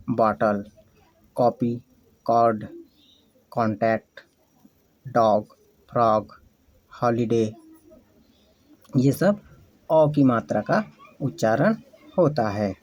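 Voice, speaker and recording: A teacher giving a slow English lesson, spelling out words letter by letter and repeating questions to the class. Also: medium pitch, a little mellow, husky, no echo, poor audio. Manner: patient, repeats questions and answers.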